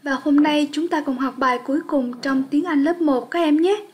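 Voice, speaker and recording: A woman's voice: high-pitched, moderate pace, slight background noise. A woman teaching an English lesson for young children, speaking patiently and leading repetition drills.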